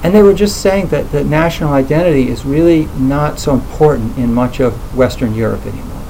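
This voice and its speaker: Guy thinking out loud, lots of ums and restarts, gravelly dark voice. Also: medium pitch, fairly quick, slight background noise, poor audio. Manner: hesitant, many fillers and restarts. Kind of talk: reflective conversational talk.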